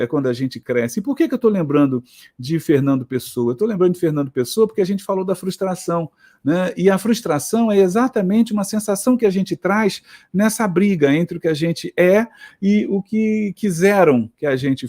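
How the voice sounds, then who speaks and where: A man's voice: sits high, lively intonation, normal speed, mellow. A man with a Brazilian accent giving a motivational lecture to teachers, conversational and reflective, with frequent tag questions. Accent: Brazilian Portuguese.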